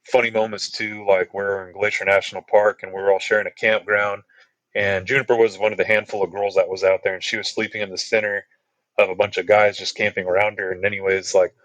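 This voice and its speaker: A laid-back man, a podcast guest, tells trail stories in a low, unhurried voice. He rambles and fills gaps with "you know" and "like". The sound is dry and close. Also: little pitch movement, a bit bright, no echo, low-quality recording. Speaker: podcast guest, long-distance hiker. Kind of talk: casual storytelling chat.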